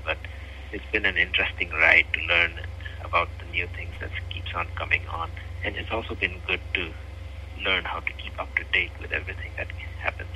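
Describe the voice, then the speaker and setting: A man's voice: low voice, steady tone, a little fast, bright, forceful tone, slight background noise, low-quality recording. A man in his thirties from Nepal with a Nepali accent, a physician guest speaking earnestly in an interview, with many fillers.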